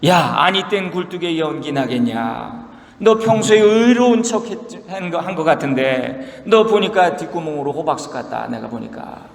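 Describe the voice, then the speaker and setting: A man's voice: on the high side, lively intonation, normal speed, vocal fry. A man voicing self-righteous male friends who scold and accuse a suffering man. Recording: echoey hall reverb.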